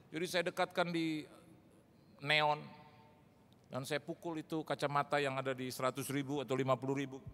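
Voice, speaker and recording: Bright-voiced pastor in a large hall. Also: male voice, sits high. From Indonesia. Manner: animated, mixes in Jakarta slang and shouted exclamations. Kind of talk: storytelling sermon. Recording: long reverb of a large hall.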